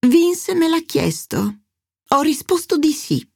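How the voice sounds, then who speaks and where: A woman's voice: sits high, big pitch swings, slow pace, vocal fry, darkish tone, dry recording, clean studio sound, voice pushed up, full character voice. A woman doing a theatrical, self-pitying mother. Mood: defiant. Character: dramatic, flighty middle-aged mother about to remarry.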